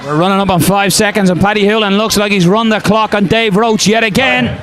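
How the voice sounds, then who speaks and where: High-pitched Irish man calling fights excitedly. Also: brisk. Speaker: lead fight commentator. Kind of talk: live sports commentary. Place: indoor arena. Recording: live arena commentary over crowd noise.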